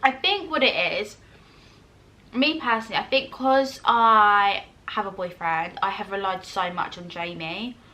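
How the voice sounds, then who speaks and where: A woman, chatting casually with viewers in a Q&A while eating, rambling quickly with many fillers. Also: mid-range voice, bright, forceful tone. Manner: chatty and self-reassuring, laughs often. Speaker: vlogger.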